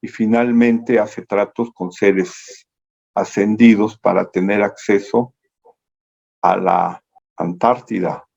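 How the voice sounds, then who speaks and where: Male lecturer on a video call. Monotone, low-pitched, meandering delivery that keeps circling back to correct itself. Dull lo-fi call audio. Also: takes it slowly, gravelly. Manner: meandering, self-correcting storytelling.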